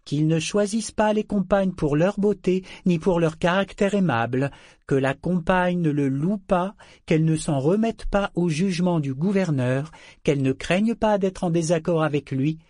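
A man's voice: fairly high pitch, normal speed, darkish tone, dry recording, studio quality, pitched above the performer's own voice, natural voice. Storybook heroine, proud and icy, as a man puts her on in a lifted voice, reciting with formal poise. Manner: ceremonious, cold, reciting formally. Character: proud, defiant young woman counselor.

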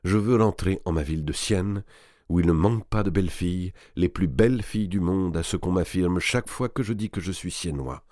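A man's voice: deep voice, brisk, darkish tone, dry recording, clean studio sound, natural voice. A man reading aloud, voicing a hot-tempered young man of twenty who flares into anger. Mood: weary. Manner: impetuous, rising to anger.

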